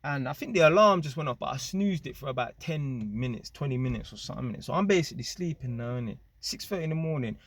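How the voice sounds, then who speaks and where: A man casually telling a story to camera, animated and full of street slang and tag questions. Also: mid-range voice, fast talker, hardly any pauses, dry recording. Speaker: vlogger.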